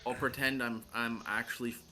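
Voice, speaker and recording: A man's voice: medium pitch, level tone, brisk, pushed and bright. A man from Canada, casually joking and riffing on words while playing a game on a livestream. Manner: joking, playful, riffs on words. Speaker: co-player on a livestream. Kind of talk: casual gaming chat. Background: game music.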